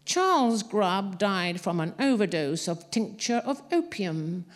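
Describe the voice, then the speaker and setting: A woman doing a reedy, slow old coroner. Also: mid-range voice, big pitch swings, voice pushed up. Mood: formal.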